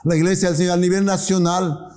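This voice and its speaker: A man preaching a sermon and leading a closing prayer, earnest and pleading, slowing down to stress key phrases. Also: sits high, little pitch movement, a little mellow, faint music behind. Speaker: pastor.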